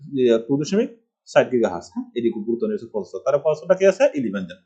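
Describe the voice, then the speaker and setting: A man's voice: mid-range voice, very animated, rapid-fire, mellow, slightly rough, highs cut off. A middle-aged man from Bangladesh teaching a rambling computer tutorial, asking rhetorical questions as he goes. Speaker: computer course instructor. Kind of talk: screen-recorded computer tutorial. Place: village home.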